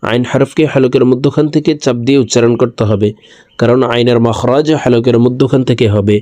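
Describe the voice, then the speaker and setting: A male teacher with a mid-range voice, recorded close and dry with no room sound. He stretches each syllable slowly as he spells out letters, then rushes through the rules in between. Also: mid-range voice, steady tone, mellow, no echo. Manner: slow, drawn-out syllable recitation between quick explanations. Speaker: Quran reading teacher.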